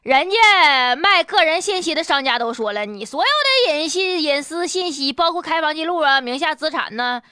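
A woman's voice: sits high, expressive, normal speed, hardly any pauses, bright, forceful tone, no echo, studio quality. A woman with a Northeastern Mandarin accent doing sassy, mocking comic news commentary in colloquial language, as a show host. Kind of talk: comedic news commentary with punchlines.

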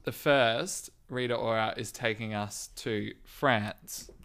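Gravelly relaxed man chatting wryly. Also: on the low side, slow. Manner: relaxed, wry, hesitant with frequent ums. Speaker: podcast co-host. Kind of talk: casual chat.

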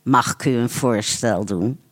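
A storyteller voicing a wealthy, self-satisfied older woman who talks in a languid, drawn-out way in a storybook reading. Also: medium pitch, voice pushed down, natural voice. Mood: scheming.

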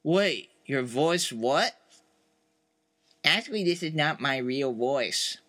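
A man's voice: medium pitch, expressive, slow, pushed and bright. A man doing an eccentric scientist through a voice changer. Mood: pleased. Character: eccentric male scientist called Doc.

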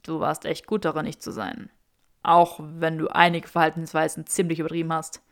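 A woman voicing a smug, teasing young male wizard with dry, mocking banter, pitched lower than her own voice. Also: little pitch movement, a little fast. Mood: wry.

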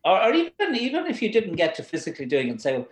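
An older man with an Irish accent giving advice in a thoughtful, halting, conversational way. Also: high-pitched, wildly swooping pitch. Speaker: child psychology expert giving advice. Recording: roomy, echoing sound.

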